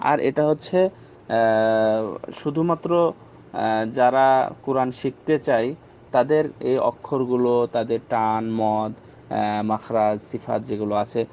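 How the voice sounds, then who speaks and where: A man speaks as an Islamic scholar answering listeners' questions. His delivery is measured and deliberate, with frequent hesitation fillers, and he repeats his key phrases for emphasis. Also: mid-range voice, steady tone, vocal fry, darkish tone, slight background noise. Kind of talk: religious question-and-answer talk.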